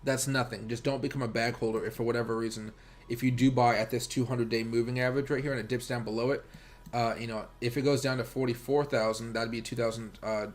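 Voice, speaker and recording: An American man who trades crypto hosts a livestream, his medium-pitched voice steady in tone and fast. The chat is easygoing and rambling, delivered informally and straight to viewers.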